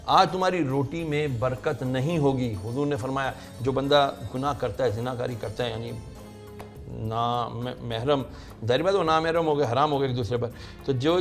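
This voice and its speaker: Earnest scholar in his fifties, rough gravelly tone, preacherly delivery, soft music underneath. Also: mid-range voice. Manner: earnest, preacherly, acts out quoted voices. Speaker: religious scholar. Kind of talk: storytelling on a talk show.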